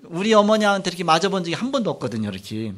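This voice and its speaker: A middle-aged man preaching a sermon, telling a personal testimony in an animated storytelling way. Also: high-pitched, racing. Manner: animated storytelling, acts out quotes, frequent trailing "like this". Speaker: pastor.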